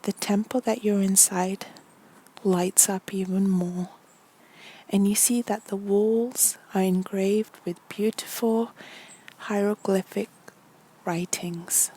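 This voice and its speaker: Soft and breathy, often almost whispering, a woman guides listeners through a meditation story in a soothing, unhurried manner. Her medium-pitched voice holds a steady tone, broken by many pauses between short phrases.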